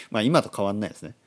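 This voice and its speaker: Lively man talking slowly and clearly. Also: on the low side. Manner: slow, clear and repetitive, explains words simply. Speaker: podcast host for Japanese learners. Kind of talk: casual podcast monologue.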